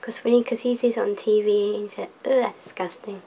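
Hesitant young woman, soft dark voice. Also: mid-range voice, flat delivery, a little hiss or hum, poor audio. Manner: hesitant, halting. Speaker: cast member. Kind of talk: interview chat.

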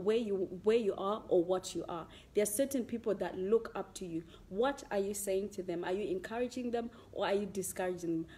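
A woman's voice: on the low side, dark tone, slight background noise. A woman hosting a casual interview chat, laughing often and mixing Shona words into her English. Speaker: host.

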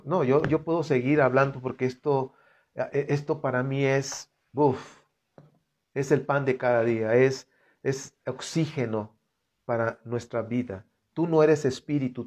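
A man's voice: mid-range voice, a little slow, darkish tone. A man leading a live-streamed Bible reflection, reading scripture aloud and talking to viewers in an earnest, conversational way. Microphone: computer setup.

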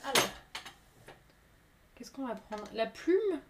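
A woman who works as a potter, chatting excitably on a live stream while she works and apologizing often. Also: on the high side, takes it slowly. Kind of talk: casual live-stream chat.

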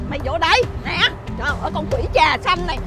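A woman playing a middle-aged wife who scolds her cheating husband in shrill insults. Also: lively intonation, fast talker, a loud crowd. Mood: angry. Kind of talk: low-budget moral skit acting. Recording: loud music bed behind.

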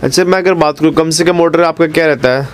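A man's voice: a little high, steady tone, fast, a little hiss or hum. A man hosting a casual market vlog, interviewing a shop owner and repeating back prices in a busy wholesale shop. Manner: short echoing confirmations of prices. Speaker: vlogger host.

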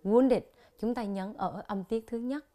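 On a televised English lesson, a woman from Vietnam speaks with a Vietnamese accent and works slowly through the pronunciation of English words. Her pitch is medium and her tone dark.

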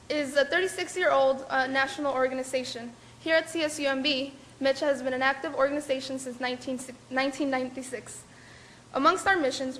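A young woman with a high, light voice reads a formal introduction from notes to a lecture audience. Her delivery is careful and measured, with a few small slips along the way. A faint hiss of noise sits under her voice. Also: fairly bright tone. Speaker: student event organizer introducing a speaker. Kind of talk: reading a prepared introduction.

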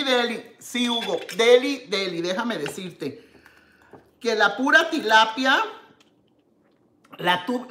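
A woman's voice: fairly high pitch, a bit bright, reverberant, slight background noise. A woman from Mexico hosting a live cooking stream, tasting her dish with contented hums and greeting viewers by name. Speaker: cooking show host.

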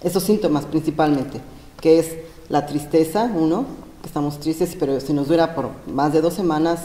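A woman from Mexico, a panel guest explaining depression, hesitant with many pauses. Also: low voice, warm tone. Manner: hesitant, many fillers and restarts. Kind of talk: explaining a health topic. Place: large school gym. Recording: roomy echo, long gym reverb.

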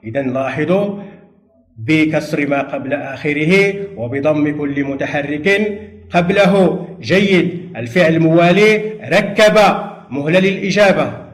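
A man teaching a primary school Arabic grammar lesson for television, speaking patiently and drawing out words, with pauses for pupils to answer. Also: fairly high pitch, expressive, echoey room. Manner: patient, slow, drawn-out drilling with pauses for answers. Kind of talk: televised distance-learning lesson.

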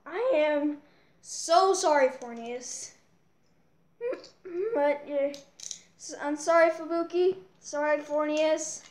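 A woman casually commenting on toy battles, excitable, yelping and correcting herself as she goes. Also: sits high, slow pace, long pauses. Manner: excitable, with yelps and self-corrections. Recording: echoey room.

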